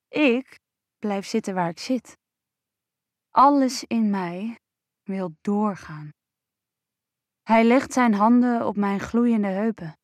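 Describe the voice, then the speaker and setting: Slow, sensual woman storyteller. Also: medium pitch, no room sound. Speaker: narrator. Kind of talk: first-person erotic story reading.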